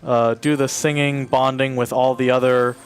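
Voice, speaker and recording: A man's voice: mid-range voice, flat delivery, normal speed, clean tone. A man giving casual live commentary as he speedruns a game, explaining his route and coaxing the characters along. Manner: talks to the game characters while playing. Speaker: speedrunner playing live at a charity marathon.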